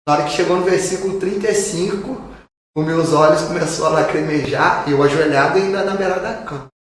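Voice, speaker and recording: A pastor with a Brazilian Portuguese accent tells a personal testimony in a podcast, in an earnest storytelling manner and repeating phrases for emphasis. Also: male voice, a little high, fairly quick. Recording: very echoey room, distant mic, faint noise.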